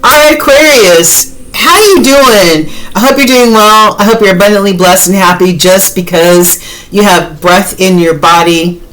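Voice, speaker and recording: A woman's voice: mid-range voice, unhurried, a bit bright, rough recording. A woman, chatting directly to viewers in a casual tarot reading, with many fillers. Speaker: tarot reader.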